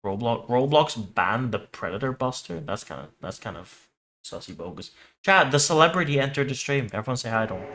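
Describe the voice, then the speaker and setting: A man reacting to horror videos on a livestream sounds animated and fairly quick, his mid-range voice a bit bright. He mixes casual, sweary, teasing back-and-forth with viewers and reads on-screen text out loud.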